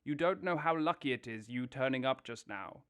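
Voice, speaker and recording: Toad, a man doing a boastful excitable toad. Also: mid-range voice, normal speed, clean tone, lightly acted. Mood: excited. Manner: bombastic, exclaiming.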